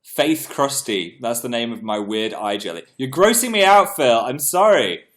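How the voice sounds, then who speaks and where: Very animated and moderately paced, a young streamer with a mid-range, slightly bright voice chats casually with his audience. He sounds congested and clears his throat, reads viewer comments out loud, and is chatty and self-deprecating.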